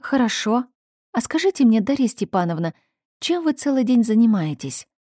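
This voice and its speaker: A woman voicing a kind, timid young housemaid who asks gentle, hesitant questions. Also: on the high side, big pitch swings, moderate pace, slightly rough, no echo, studio quality, pitched above the performer's own voice. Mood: coaxing.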